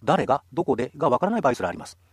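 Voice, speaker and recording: A man's voice: mid-range voice, big pitch swings, very fast, a little mellow, slightly rough, no echo, clean studio sound. A man teaching a radio language lesson, explaining patiently and encouraging listeners.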